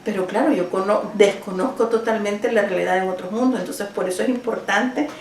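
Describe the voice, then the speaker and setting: Earnest Salvadoran-born teacher, roomy distant sound. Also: female voice, mid-range voice, brisk, slight background noise. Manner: earnest, thoughtful, with small restarts. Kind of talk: interview answers. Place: at home.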